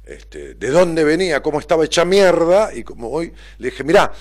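A man's voice: fairly high pitch, normal speed. A man with a Rioplatense Argentine accent, a therapist talking bluntly and profanely as he reads out messages and tells stories. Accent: Rioplatense Spanish. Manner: blunt, profane, animated storytelling. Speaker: psychotherapist and host reading viewer messages. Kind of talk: casual live-stream talk.

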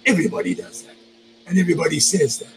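A man's voice: fairly high pitch, fast, a little hiss or hum, rough recording. A man as an interview guest, telling sales stories in a chatty way, chuckling often and doubling up words as he starts sentences. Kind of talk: conversational interview.

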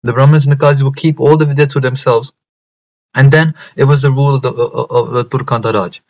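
Man, medium pitch, religious teacher, lecture style, emphatic repetition, mixes into English. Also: fairly even intonation, fast, a little mellow. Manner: repeats and rephrases phrases for emphasis; switches between English and Punjabi. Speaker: religious teacher giving a talk.

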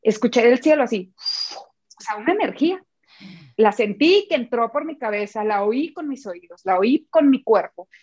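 Woman telling a wild personal story, voice a bit high, acts out every line, kinda muffled lo-fi sound. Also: normal speed, slightly rough, no room sound. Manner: animated, re-enacts dialogue, repeats words. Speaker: guest.

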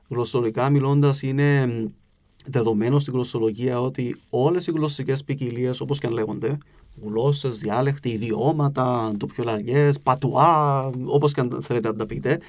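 A man with a Cypriot Greek accent explains things patiently in an interview, at a mid pitch. He pauses on filler sounds and works through examples slowly and clearly. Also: darkish tone. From Cyprus. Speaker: linguist guest.

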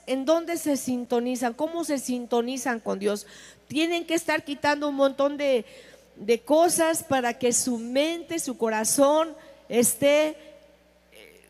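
A woman's voice: sits high, in a large hall. A woman giving a sermon, speaking emphatically and putting questions to her listeners. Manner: emphatic, asks the audience questions. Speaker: preacher.

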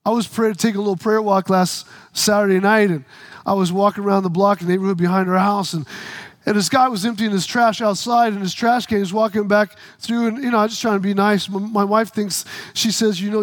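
A middle-aged man preaching a sermon, telling stories and acting out the dialogue in quick quoted voices, sometimes bursting into shouts for emphasis. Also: high-pitched, fairly even intonation, no room sound. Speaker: pastor.

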